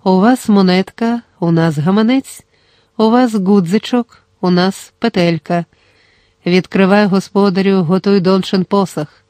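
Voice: medium pitch, fairly even intonation, a little slow, a little mellow, no echo, natural voice. A reader voicing a wicked old male sorcerer who chants rhymed demands in a thin, rattling, sweet voice, in an audiobook. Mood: chanting demand. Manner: chanting rhymed sing-song lines. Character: old evil male sorcerer, sing-song and wheedling. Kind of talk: audiobook character voice.

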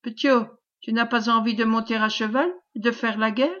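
A woman's voice: on the high side, fairly even intonation, normal speed, fairly bright tone, close to an everyday voice. Lady voicing a jolly knight, round friendly voice, teasing, kinda muffled recording. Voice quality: round, good-natured voice. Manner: teasing, laughing. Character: jovial, hearty male knight, good-humoured.

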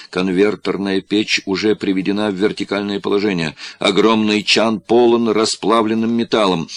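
A man narrating a tense story in an audiobook reading with measured delivery. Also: on the low side, no echo.

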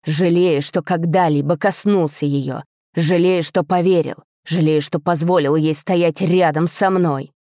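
Brief: a betrayed dragon prince shouting in raw fury, read by a woman, low and dark, close dry sound. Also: steady tone, moderate pace, no echo, lightly acted. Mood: furious.

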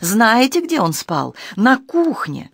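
A man voicing a proud, venomous young female courtesan who lashes out in shrill, scornful outbursts. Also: huge pitch swings, takes it slowly, creaky, fairly bright tone, slightly rough, no echo, studio quality, exaggerated voice. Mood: contemptuous.

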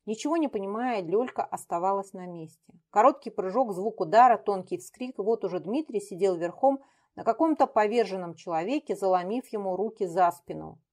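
A woman narrating a novel in a steady, even reading voice. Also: mid-range voice, fairly quick. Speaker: audiobook narrator. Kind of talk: audiobook narration.

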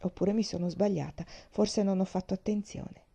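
A reserved young woman answers calmly and evenly, as a woman reading aloud voices her. The tone is very dark and mellow, with a gravelly texture. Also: mid-range voice. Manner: calm, measured replies.

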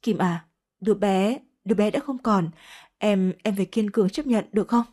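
A woman's voice: mid-range voice, normal speed, dark tone, lightly acted. A woman voicing a young husband who stammers and tries to soothe. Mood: anxious. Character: anxious young husband, pleading and confused.

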